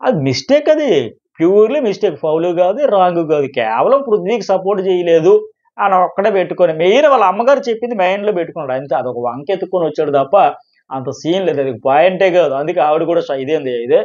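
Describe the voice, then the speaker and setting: Fast-talking excited man reviewing a show. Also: sits high, highs cut off. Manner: excited, emphatic, quotes contestants in quick bursts. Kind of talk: fast live commentary.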